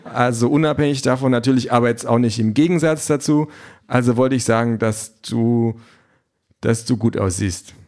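A man's voice: fairly low pitch, flat delivery, a little slow, vocal fry, a little mellow. A man voicing an awkward, timid man in an audiobook who stammers and hesitates. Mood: flustered.

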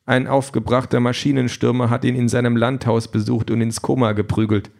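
A man voicing a calm, precise male android politician who explains everything in a measured, matter-of-fact way, in an audiobook. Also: mid-range voice, vocal fry, lightly acted. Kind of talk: audiobook reading.

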